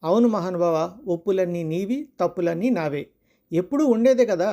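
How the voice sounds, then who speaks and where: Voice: medium pitch, brisk, darkish tone, natural voice. A storyteller voicing a middle-class working wife and mother who is irritable and sarcastic, read in a storybook style. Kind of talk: storytelling dialogue.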